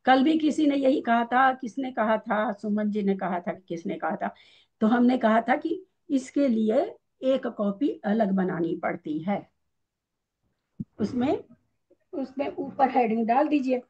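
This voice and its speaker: A woman's voice: on the high side, expressive, unhurried, darkish tone, husky, muffled recording. A woman teaching a scripture class in a casual, chatty way. She often restarts her sentences and explains with homely everyday examples.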